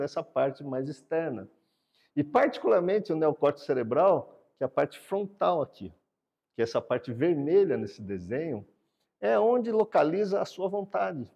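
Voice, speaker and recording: A man giving a sermon-like talk about the brain and God, explaining a drawing with animated delivery and repeating words for emphasis. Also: medium pitch, slightly rough, big-room sound. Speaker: speaker teaching brain science and faith.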